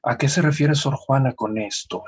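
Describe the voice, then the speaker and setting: A man's voice: medium pitch, moderate pace, slightly rough. A man teaching an online seminar, explaining music theory carefully and checking in with his class often. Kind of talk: academic lecture on music theory. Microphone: video call. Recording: dull lo-fi video call audio.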